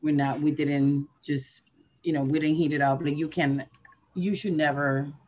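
Speaking at normal speed in a voice that sits low, a woman in her forties shares stories casually as a podcast guest. She teaches herbalism, grew up in Venezuela before moving to New Jersey at eleven, and is expressive, repeating words and acting out quotes.

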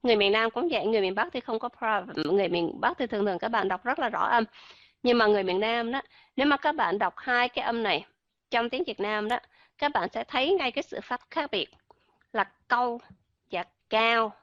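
A woman's voice: a little high, lively intonation, fast talker, fairly bright tone, dry recording, lo-fi sound. A woman teaching pronunciation in an online lesson, explaining patiently and drawing out example sounds.

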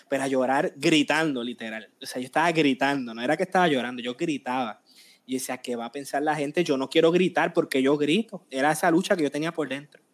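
A Puerto Rican man in his late twenties, a singer telling his story in a casual interview, animated and acting out quotes. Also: a little high. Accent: Puerto Rican Spanish. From Puerto Rico. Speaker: guest singer.

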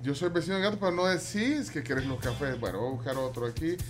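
Music plays clearly behind a Salvadoran man with a fairly high voice. He hosts a casual radio chat, rambling and doubling back on his words. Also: quick pace. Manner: rambling, hesitant, repeats words. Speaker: radio show host.

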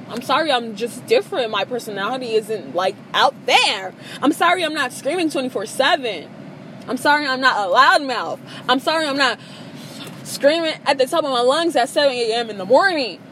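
A woman's voice: sits high, fairly bright tone, slight background noise, poor audio. A teenage girl vlogging from a parked car, chatty and self-deprecating, with lots of fillers. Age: teens. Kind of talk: rambling casual vlog chat. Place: parked car in a public lot. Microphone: phone.

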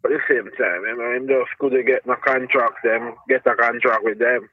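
A man's voice: mid-range voice, fairly even intonation, normal speed, dry recording. A middle-aged man with a thick Jamaican accent, chatting casually over the phone. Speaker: company truck driver being interviewed. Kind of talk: casual conversation. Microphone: phone call. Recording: muffled, band-limited phone line.

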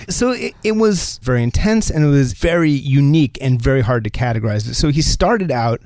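A man from New Jersey hosting a podcast in casual chat, animated and laughing often as he talks. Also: mid-range voice, fairly quick, no room sound, studio quality. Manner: animated, laughs often, restarts mid-sentence. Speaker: podcast host.

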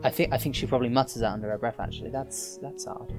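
A man's voice: mid-range voice, rapid-fire, vocal fry, over music. A man playing a character in a tabletop role-playing game, talking through his choices with lots of hesitations. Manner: hesitant, many fillers and restarts while improvising. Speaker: player.

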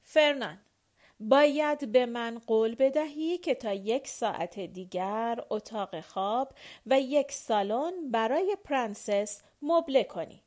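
Brief: woman reader doing a composed military man, steady and kindly, only lightly lowered. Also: natural voice. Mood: calm instructions. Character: calm, affectionate male general, gently commanding. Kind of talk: audiobook character voice.

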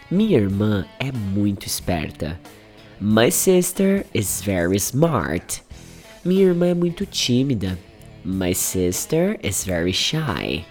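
A hoarse man from Brazil teaching English, drilling phrases with energetic, quick patter. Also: mid-range voice. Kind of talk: language lesson drills.

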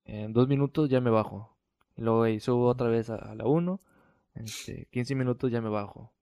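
Mellow-voiced man, dry sound. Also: medium pitch, creaky, no echo. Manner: relaxed, quick to chime in. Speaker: podcast co-host. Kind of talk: casual chat.

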